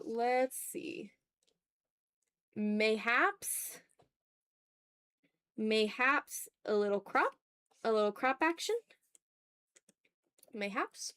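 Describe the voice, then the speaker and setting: In casual livestream chat while drawing, a woman art streamer teases her viewers with playful mock exasperation. Her voice is on the high side, with no room sound.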